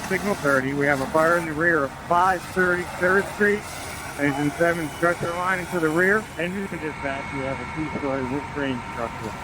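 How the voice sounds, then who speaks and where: A man speaks as a fireground commander over emergency radio. His voice is high-pitched and his calls are clipped and procedural. Engine and vehicle noise runs clearly behind him. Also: fairly quick.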